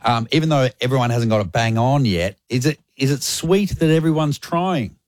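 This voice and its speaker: A man's voice: mid-range voice, lively intonation, moderate pace, darkish tone, dry recording. A man with an Australian accent hosting a radio show, chatting and teasing callers in a jokey way. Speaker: radio host. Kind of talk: casual chat.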